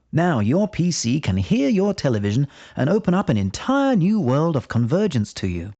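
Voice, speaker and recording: This instructional video narrator reads an installation tutorial from a script, keeping it chatty and reassuring as he teaches. His voice sits on the high side and sounds warm. The recording has no echo, though it comes across dull and muffled.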